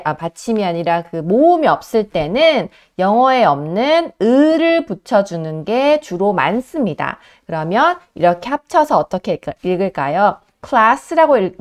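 A patient woman teacher walks students through phonics at an unhurried pace, sounding out each letter. Her pitch moves around a lot as she talks. She often poses a question and then answers it herself. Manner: patient, spells out letters slowly; asks rhetorical questions and answers them. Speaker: English teacher.

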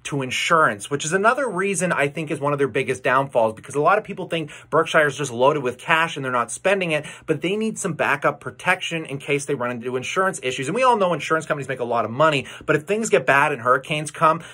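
An energetic young man talks straight to the camera about investing, with a bright, forceful tone. His voice sits a little high for a man, and he keeps up a lively, casual delivery. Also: fast talker, hardly any pauses. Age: young adult. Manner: energetic, addresses viewers as guys. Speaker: investing video host. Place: indoor room.

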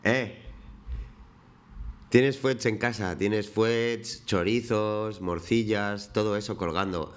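Brief: male streamer, lowish voice, relaxed and chatty with his viewers. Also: takes it slowly. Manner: chatty, greets viewers by name. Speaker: live-stream host. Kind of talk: casual chat while painting on stream.

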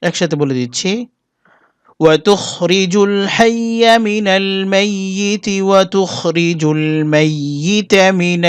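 A man with a Bangladeshi Bengali accent leads a Quran spelling lesson, naming each letter and vowel in a slow, patient cadence. His voice is fairly high for a man, smooth and clean, and sits close to a dry microphone with no room sound. Now and then he breaks into slow, melodic recitation. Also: no room sound. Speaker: Quran teacher.

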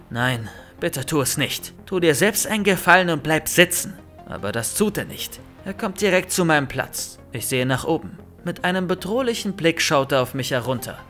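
A man reading a first-person horror story aloud in an expressive, lively storytelling manner. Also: fairly high pitch. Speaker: narrator. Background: faint music.

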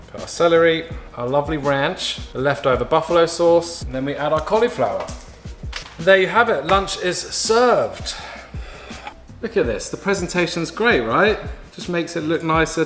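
A home cook and vlog regular chats casually while cooking in his home kitchen, tossing in playful asides and small jokes. His voice is fairly high and fairly bright, with background music playing.

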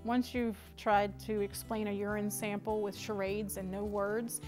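A woman's voice: mid-range voice, level tone, measured pace, darkish tone, soft background music. A woman from the health department explaining procedures in a matter-of-fact interview.

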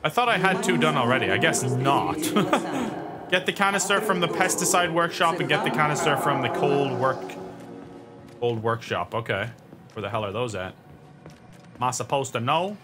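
A man's voice: medium pitch, expressive, normal speed, pauses often. A man giving casual, chatty commentary while playing a video game, thinking aloud and swearing now and then. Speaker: gameplay commentator. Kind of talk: casual let's-play commentary. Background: game sounds and music.

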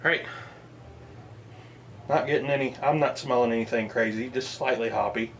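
A man's voice: medium pitch, moderate pace, slight background noise. Plainspoken man reviewing beer. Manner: plainspoken, modest, thinks aloud. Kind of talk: casual product review vlog.

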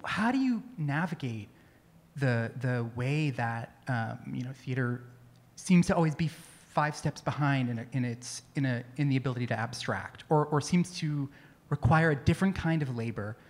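A man asking a panel a long question, halting and restarting with many fillers. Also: medium pitch, lively intonation.

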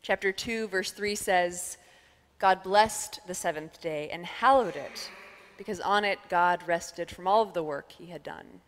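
A woman in her thirties, a pastor, giving a calm, measured sermon with thoughtful pauses through a headset mic in a church sanctuary. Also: fairly low pitch. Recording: long reverb of a church sanctuary.

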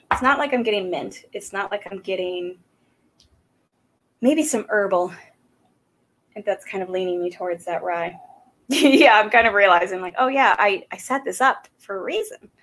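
With a medium-pitched, fairly bright voice and a Southern accent, a South Carolina woman in her thirties rambles chattily through a casual whiskey-tasting stream, using many fillers. She broadcasts from a small room at home on a desk mic mounted on a boom arm.

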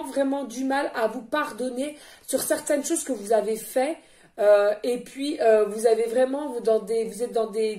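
High-voiced woman giving a gentle reading. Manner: gentle, repetitive, keeps asking "d'accord?". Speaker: medium giving a tarot reading. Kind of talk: spoken spiritual guidance reading. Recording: echoey room.

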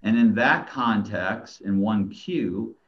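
Speaking from a small, plain room indoors, the attorney, a middle-aged man with a lowish voice, argues an appeal by video call. He stumbles over restarts and then lays out measured legal arguments; the webcam audio is dull and lo-fi, with a little hiss or hum.

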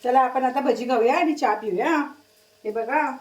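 A woman's voice: high voice, normal speed, darkish tone, far from the mic. A woman at home, teasing and scolding her pet bird in a playful, doting way. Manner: scolding and teasing, baby-talk to pets. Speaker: pet owner talking to her parrot. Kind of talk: home vlog, chatting to a pet. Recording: echoey room, voice a bit off-mic, faint noise.

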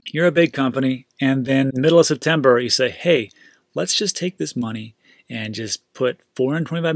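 A man with a medium-pitched voice hosts a casual crypto news channel, chatting in an upbeat, loose way about market prices and often repeating himself for emphasis. There's no room sound.

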